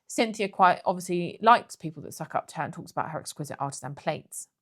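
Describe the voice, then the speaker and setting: A woman's voice: on the low side, lively intonation, fast talker. A woman, co-hosting a podcast in a blunt, ranting, laughing manner. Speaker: podcast co-host. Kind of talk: casual podcast chat.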